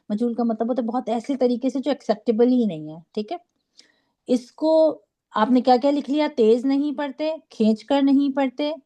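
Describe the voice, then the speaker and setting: Mellow-voiced woman teaching recitation. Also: a little high. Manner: patient, repeats syllables slowly, checks with "theek hai?". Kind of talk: online class lesson.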